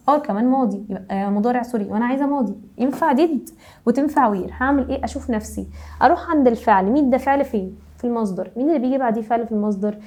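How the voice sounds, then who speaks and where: Brisk Egyptian woman teaching grammar. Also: a little high, mellow. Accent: Egyptian Arabic. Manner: brisk, keeps asking rhetorical questions. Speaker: English teacher. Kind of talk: grammar lesson for middle schoolers.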